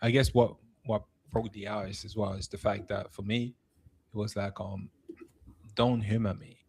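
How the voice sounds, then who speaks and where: A man's voice: fairly low pitch, little pitch movement, moderate pace, gravelly, darkish tone, slightly rough. A man co-hosting a spiritual talk, giving relationship advice with hesitant fillers. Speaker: co-host.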